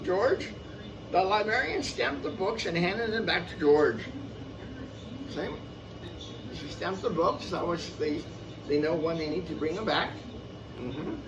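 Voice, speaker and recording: Picked up from afar amid background noise, this storyteller has a fairly high, animated voice and takes his time. He reads a picture book to children expressively, repeating lines for them and adding offhand comments.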